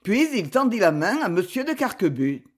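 A man narrating a classic novel in measured, literary storytelling. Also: high-pitched, sing-song, husky. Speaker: audiobook reader.

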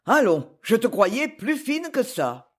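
A reader voicing a smug older man in an audiobook, speaking low and unbothered. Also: very animated, slow, slightly rough, exaggerated voice. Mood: mocking. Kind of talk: audiobook character voice.

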